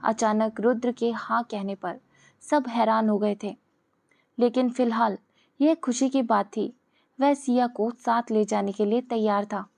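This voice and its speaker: Lady reading a dramatic audio story, steady storytelling, bit high pitched. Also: unhurried, vocal fry. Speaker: narrator.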